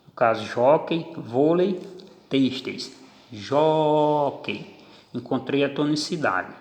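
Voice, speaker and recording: A man's voice: mid-range voice, animated. A man teaching a grammar lesson, explaining step by step and counting out syllables one by one. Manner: slow, deliberate, spells out syllables. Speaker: Portuguese teacher. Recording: echoey room with long reverb.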